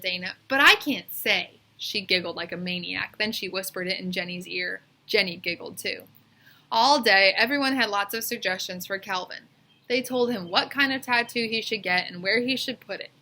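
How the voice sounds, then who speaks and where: A woman with a fairly high voice reads a children's story aloud as a storyteller. Her expressive, animated delivery suits acting out the dialogue.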